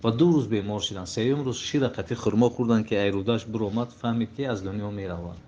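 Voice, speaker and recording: A man giving a sermon and retelling stories, his voice rising to emotional peaks and falling to hushed passages. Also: fairly low pitch. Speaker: preacher. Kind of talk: sermon storytelling. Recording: dull lo-fi recording with faint noise.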